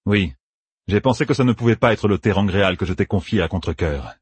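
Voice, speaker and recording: A male narrator voicing a young man who speaks in a cold, calm, quietly threatening tone. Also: low voice, brisk, husky, dry recording. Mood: icy calm. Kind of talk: audiobook character reading.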